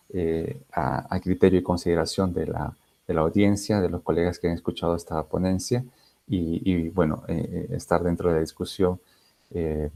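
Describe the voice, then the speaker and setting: A man's voice: deep voice, vocal fry, mellow. A male researcher giving an academic conference talk, hesitant, with many fillers and restarts. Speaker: linguistics researcher presenting a conference paper.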